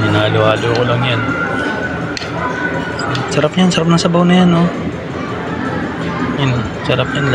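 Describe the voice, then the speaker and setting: Chatty Filipino man, gravelly voice-over. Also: mid-range voice. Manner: chatty, rambling, tags lines with "no?"; admits he is still learning voice-over, unsure of his volume. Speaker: vlogger. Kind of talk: casual voice-over narration of a food trip vlog.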